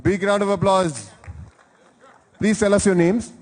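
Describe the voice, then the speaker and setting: A man's voice: sits high, unhurried, a little mellow. A man from India hosting a live event, chatting playfully and teasingly with guests in the audience. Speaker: event host. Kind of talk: lively crowd interviews. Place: large event hall. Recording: hall reverb from a live venue.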